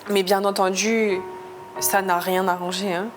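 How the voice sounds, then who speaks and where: A woman's voice: mid-range voice, level tone, unhurried. A woman from France giving a personal testimony in a confessional storytelling style, hesitant and searching for her words. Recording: music behind the voice. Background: clearly audible music.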